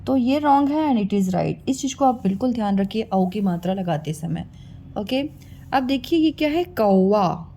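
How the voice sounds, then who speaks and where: With an expressive, mellow, mid-range voice, a woman coaxes children through a spelling lesson. She pronounces each word slowly, syllable by syllable, and calls her listeners children.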